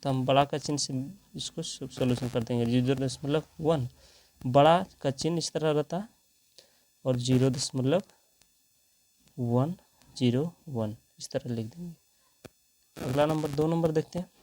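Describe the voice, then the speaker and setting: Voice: mid-range voice, measured pace, pauses often, darkish tone. A math teacher, working through problems step by step and asking rhetorical questions along the way.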